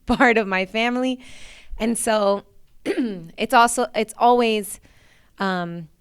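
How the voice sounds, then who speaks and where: A woman in her thirties talks casually as a guest in an interview and laughs often. Her voice is very smooth and clear. The sound is dry and close. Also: mid-range voice, dry recording. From New York, USA. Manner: warm, chatty, laughs often.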